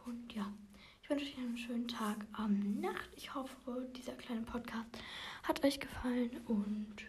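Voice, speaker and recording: A teenage girl whispering a hesitant sign-off for her podcast at home at night, with many fillers, heard through low-quality stream audio. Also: moderate pace, darkish tone. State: whispering quietly. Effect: low-quality, noisy stream audio. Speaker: podcast host. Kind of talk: casual chat.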